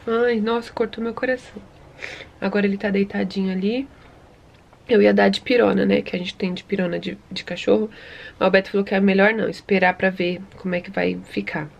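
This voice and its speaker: Young São Paulo woman, casual home vlog, chatty and emotional, slightly gravelly voice. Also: mid-range voice, steady tone, fairly quick, muffled recording. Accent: Brazilian Portuguese, São Paulo. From Brazil. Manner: chatty and emotional, often drops to a soft murmur. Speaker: vlogger. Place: home, indoors.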